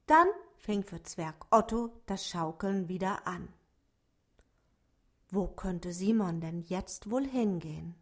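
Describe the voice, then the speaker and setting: A woman reading a children's story aloud, expressive and pausing to ask her listeners questions. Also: on the low side.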